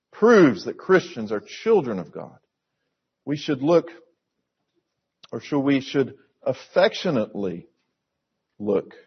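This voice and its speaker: Middle-aged male pastor, earnest sermon delivery, unhurried, slightly husky voice, somewhat dull recording. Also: mid-range voice. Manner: slow, earnest storytelling with emphatic repetition.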